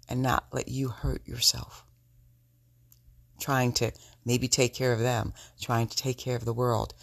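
Sultry low-key lady doing a solo podcast, super gravelly voice, unhurried, talks right to you. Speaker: podcast host. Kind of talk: reflective solo podcast talk to listeners.

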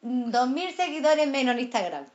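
A woman with a strong Andalusian accent tells stories in a casual chat, her voice sitting a little high. She is lively and laughs often. The recording is somewhat dull and lo-fi. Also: background noise. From Andalusia, Málaga. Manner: lively storyteller, laughs often, says "tía" and "¿sabes?". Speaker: guest actress. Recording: dull lo-fi sound.

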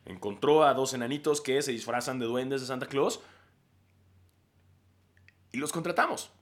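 A man's voice: medium pitch, moderate pace. A man in his thirties with a Mexican accent, a podcast host telling a story casually with lots of slang and laughter. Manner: animated, slangy, laughs often.

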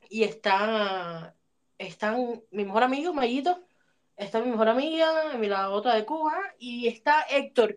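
A woman telling funny stories in a casual chat, animated and dropping English phrases in. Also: fairly high pitch. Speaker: podcast co-host.

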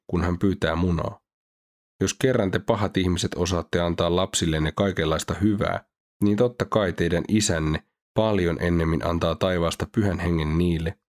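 Deep-voiced man reading scripture. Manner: steady, formal reading aloud. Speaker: scripture reader.

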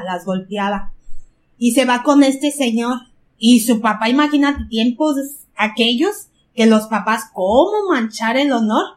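An older woman with a Mexican accent, telling a story at an unhurried pace in a casual podcast chat and repeating words for emphasis. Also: fairly high pitch.

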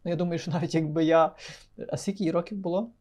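Man, podcast co-host, playful, rambling restarts, warm mellow tone. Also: on the high side, fairly even intonation, rapid-fire. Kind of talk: casual joking chat.

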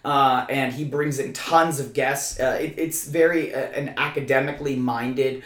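A man's voice: medium pitch, fairly even intonation, normal speed, a bit bright. A man co-hosting a podcast in casual chat, stammering through restarts and talking emphatically. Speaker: podcast co-host. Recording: roomy echo.

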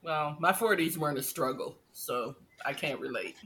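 A woman's voice: sits low, moderate pace, fairly bright tone. A woman in her fifties co-hosting a podcast, chatting casually and often stopping to restart her sentences. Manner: rambling, self-interrupting, chatty. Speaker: podcast co-host. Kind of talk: casual chat.

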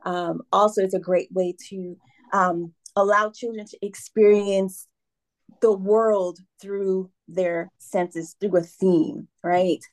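A woman's voice: mid-range voice, steady tone, slow. A woman who teaches preschool, talking in an interview, earnest and enthusiastic and often checking in with "right?". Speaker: preschool educator, guest. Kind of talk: casual interview talk.

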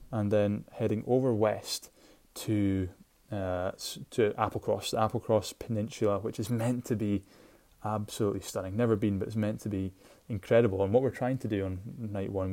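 A man's voice: fairly low pitch, warm tone. A man from Shetland with a Shetland Scottish accent, hosting a casual solo podcast in an informal, enthusiastic way and often repeating himself. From Shetland, Scotland. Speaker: podcast host.

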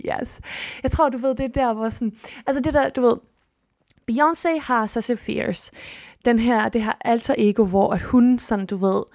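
Chatty, expressive woman podcast host. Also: on the high side, dry recording, studio quality. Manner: expressive and chatty, with many restarts and sudden upward swoops. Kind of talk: casual solo podcast monologue.

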